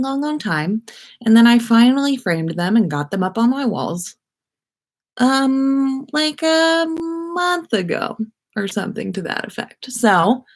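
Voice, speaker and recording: A woman hosting a livestream from her bedroom, chatting eagerly and restarting her sentences. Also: fairly high pitch. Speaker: podcast host. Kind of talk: casual livestream chat.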